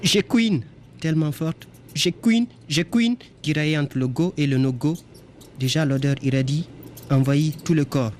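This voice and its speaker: A man doing a squeaky, frantic addicted mouse. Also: normal speed, darkish tone, a little hiss or hum, natural voice. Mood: craving. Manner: frantic, repetitive, squeaky mutterings. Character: addicted jittery female lab mouse craving drink. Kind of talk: performed reading of a stage text.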